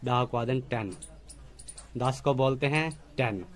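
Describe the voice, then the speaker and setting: A family vlogger films a casual home vlog, patiently quizzing a child on letters and numbers and calling out to the kids playing. His mid-range voice is slow-paced, with faint music in the background.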